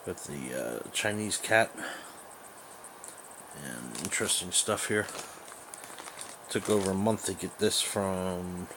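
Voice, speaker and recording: Speaking slowly with long pauses in a deep voice, a man reviews some radio gear in a small indoor bedroom. He's an amateur radio hobbyist, and his unscripted, casual review is rambling and hesitant, with frequent searching for words over background noise.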